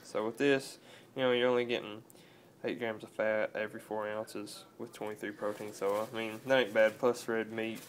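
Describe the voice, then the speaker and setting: A man's voice: lowish voice, little pitch movement, normal speed, hardly any pauses. A nineteen-year-old man casually vlogging at home into a phone camera, rambling with lots of fillers. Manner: laid-back, rambling with many "uh" fillers. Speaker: fitness vlogger. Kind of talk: casual vlog. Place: home room, indoors. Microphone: phone camera close up.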